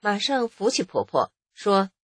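A woman's voice: mid-range voice, big pitch swings, unhurried, husky, no room sound. A woman, earnestly narrating her own life story in the first person. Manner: emotional, earnest recounting.

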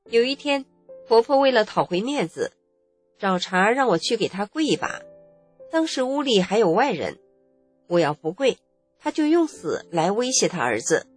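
A woman's voice: mid-range voice, very animated, moderate pace, slightly rough, soft background music. A woman, earnestly narrating her own life story in the first person. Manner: emotional, earnest recounting.

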